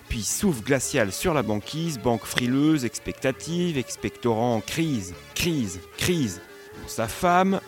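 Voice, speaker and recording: A man reciting rhythmic spoken-word poetry in clipped, short bursts of wordplay. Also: mid-range voice.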